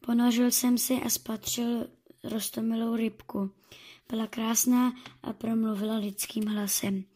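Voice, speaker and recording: A woman reads a first-person story aloud with a slightly high, breathy voice. She often stumbles and corrects herself mid-sentence. Her delivery is plain, with little polish. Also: little pitch movement, dark tone. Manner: halting, self-correcting reading.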